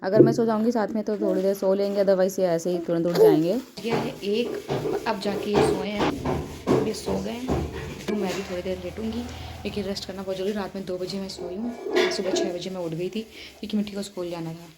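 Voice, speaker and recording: A woman's voice: medium pitch, fairly even intonation, brisk, over a noisy crowd. Chatty young mother vlogging at home. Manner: chatty, soft-spoken at times to avoid waking the baby. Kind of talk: casual vlog narration.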